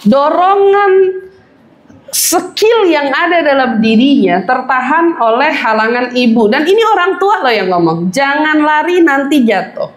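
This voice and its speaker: High-voiced woman preacher, echoey hall. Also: measured pace. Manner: lively, acts out mothers' lines, laughs often. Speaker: Islamic preacher. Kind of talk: religious parenting lecture. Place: mosque hall with audience. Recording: echoey hall, audience noise.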